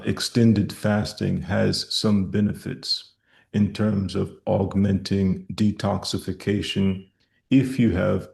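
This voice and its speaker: A man with a very deep, heavily gravelly voice hosts a live stream question-and-answer session. He speaks slowly and formally, choosing elaborate words. His pitch stays flat and even. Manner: formal, measured, elaborate vocabulary. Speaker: host of a health live stream.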